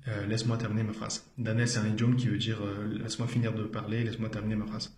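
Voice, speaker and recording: A man's voice: fairly low pitch, level tone, fast, a little mellow, echoey room, slight background noise. A man giving an explanatory video lesson as a language teacher, patiently repeating each phrase with frequent hesitations.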